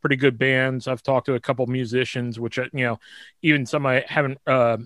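A man co-hosting a podcast chats casually and rambles, full of fillers and false starts. His voice is medium-pitched, level and fairly bright, and he talks fairly quickly; the recording is dry with clean studio sound.

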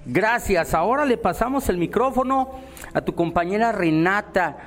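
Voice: mid-range voice, animated, moderate pace. An adult hosting a school event, praising and interviewing students in an encouraging way. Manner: warm, praising, upbeat.

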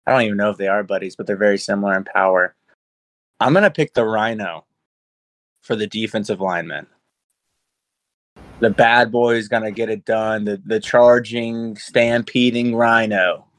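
A man's voice: fairly low pitch, brisk, pauses often, fairly bright tone, no room sound. A man co-hosting a podcast in casual chat, playful and laughing often. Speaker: podcast co-host.

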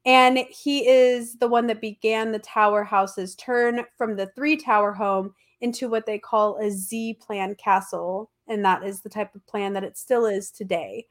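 A podcast host with a stuffy, allergy-congested nose tells history in a casual, chatty way, slangy and emphatic. Her mid-range voice holds fairly even intonation at an unhurried pace with few pauses.

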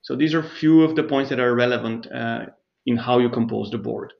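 Bulgarian guy explaining things carefully, mid pitch, bit of a muffled recording. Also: vocal fry. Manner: measured, explanatory, with restarts and thinking pauses. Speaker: startup CEO, guest. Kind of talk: conversational interview answers.

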